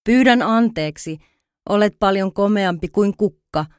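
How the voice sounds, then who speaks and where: A woman's voice: mid-range voice, darkish tone, clear, resonant tone, no room sound, clean studio sound, natural voice. A woman voicing a small, curious male fawn who exclaims with wonder in a storybook reading.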